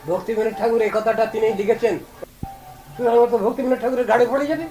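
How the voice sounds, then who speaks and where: A man's voice: very high voice, steady tone, fast, warm tone, faint music behind, rough recording. A man giving a devotional discourse as a Vaishnava preacher, emphatic and stern, posing rhetorical questions.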